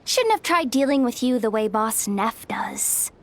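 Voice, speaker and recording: This actress uses a fairly high, sing-song voice at a measured pace to play a video game character: a breezy, confident, street-smart young woman. The delivery is casual, teasing and slangy, cocky and unbothered in mood, with slight background noise.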